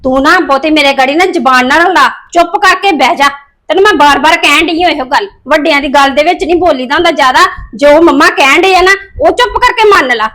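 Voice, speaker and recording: A woman's voice: sits high, fast talker, fairly bright tone. A woman playing a domineering mother who scolds and threatens her child. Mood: scolding. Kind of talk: family drama acting.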